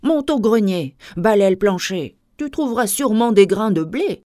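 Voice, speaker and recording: Woman playing an old man, gruff lowered voice, bossy, storybook. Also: animated, moderate pace, warm tone, no echo, clean studio sound, natural voice.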